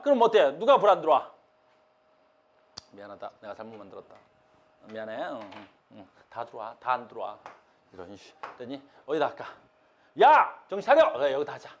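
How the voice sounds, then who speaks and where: A male high school science teacher lecturing in a classroom, his fairly high voice leaping up and down in pitch. He talks to the students in a loose, blunt way, throwing in slang and cheerfully mocking his own mistakes. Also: lo-fi sound.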